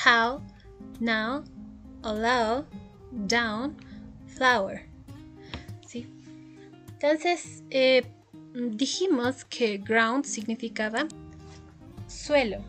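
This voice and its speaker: A woman's voice: sits high, fairly bright tone. A woman giving a recorded language lesson as a teacher, explaining patiently and often checking in with her listeners. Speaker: English teacher.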